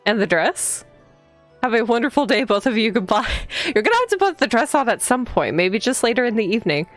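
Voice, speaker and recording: With big pitch swings and a fairly high voice, this woman reads aloud a visual novel she's streaming, talking a little fast. She keeps the live commentary casual and teasing, giggling asides to viewers as game music plays.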